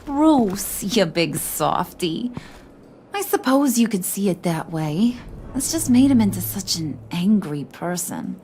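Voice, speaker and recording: A woman with a mid-range, darkish voice speaks slowly with big pitch swings, playing a brash, kooky, flirtatious crime boss in a video game with a slangy, teasing New delivery. Her manner is slangy, playful, teasing and wise-cracking, the mood wry and teasing, and a little hiss or hum can be heard.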